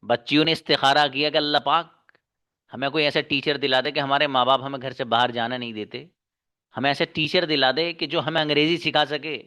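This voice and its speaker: A man's voice: mid-range voice, level tone, fairly quick, bright, forceful tone, clean tone. A man teaching an online English class, talking earnestly and coaxingly to his students, calling them brother and daughter. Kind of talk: motivational talk to students. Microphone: online class mic.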